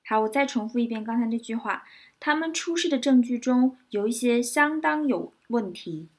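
Husky woman teaching English vocabulary. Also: on the high side, animated. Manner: spells words out letter by letter, repeats example sentences slowly. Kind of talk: vocabulary lesson.

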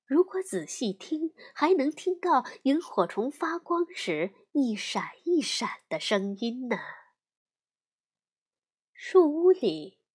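语速缓慢的女性讲故事声音. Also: female voice, high-pitched, slightly rough. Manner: slow, expressive storytelling. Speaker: storyteller. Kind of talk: children's audiobook narration.

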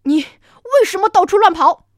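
Woman putting on a gruff big dinosaur dad. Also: a little high, animated, a little slow, no echo, studio quality. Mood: scolding. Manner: loud gruff growling delivery. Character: big hungry male tyrannosaurus, gruff yet soft-hearted. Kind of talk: storytelling performance.

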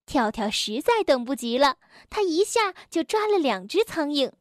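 A woman reading a children's story aloud to kids, gentle and unhurried. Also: high voice, very animated, dry recording, clean studio sound.

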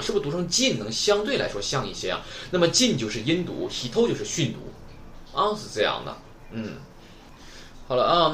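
A man's voice: mid-range voice, slight background noise. A man from Northeast China teaching a Japanese vocabulary lesson, explaining patiently and asking rhetorical questions as he goes.

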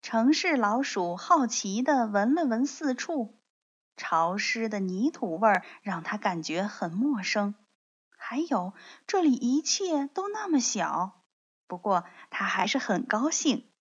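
Slow, gentle woman storyteller. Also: fairly high pitch, sing-song, husky. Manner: slow, gentle, addresses children. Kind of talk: children's storybook reading. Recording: dull lo-fi recording.

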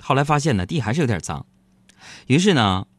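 A man tells a comic monologue as a radio host, mocking himself as he goes. His pitch swings up and down a lot, and when he gets excited he stumbles and repeats words. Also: a little fast, no room sound. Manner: playful, self-mocking, sings in a falsetto.

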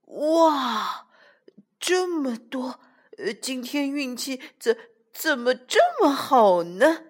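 A woman voicing a greedy, forgetful male grey wolf in a children's storybook, with a hushed, whispery manner. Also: sits high, very animated, slow pace, voice pushed up, heavily acted. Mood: sneaky whisper.

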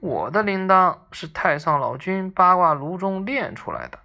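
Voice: medium pitch, big pitch swings, moderate pace, creaky, bright, forceful tone, exaggerated voice. A storyteller voicing a boastful, fierce male demon king who mocks and threatens, in a children's storybook reading. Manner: mocking, threatening.

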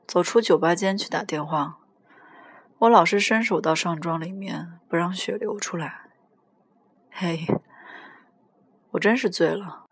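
A woman reading a first-person novel aloud in a plain, even storytelling manner. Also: lowish voice, slightly rough, no room sound. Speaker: audiobook reader.

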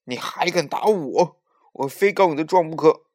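A man voicing an angry old male sea dragon king in a children's story, shouting threats in a raised voice. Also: a little high, normal speed, pitched above the performer's own voice, natural voice. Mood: furious.

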